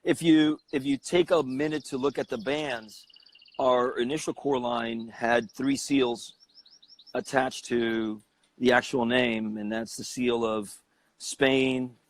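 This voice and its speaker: A man's voice: mid-range voice, steady tone, slow pace. A man from Cuba, a cigar company president, talking as an interview guest in a confident, persuasive way.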